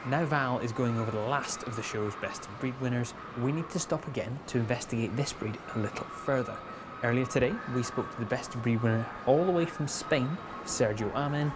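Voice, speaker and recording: A man giving smooth, scripted television narration. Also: medium pitch, fairly quick, noisy background. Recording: narration over loud music. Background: loud music.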